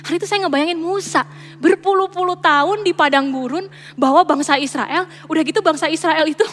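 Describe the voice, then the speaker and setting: A young woman, preaching in a chatty, animated way and slipping in English phrases. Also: extremely high pitch, brisk. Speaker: church speaker. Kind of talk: casual sermon. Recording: reverberant church hall with faint music.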